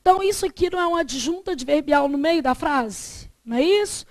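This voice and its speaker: A woman teaching a Portuguese grammar lesson, lively, asking the class questions and answering them herself. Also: high-pitched, fairly quick, no echo.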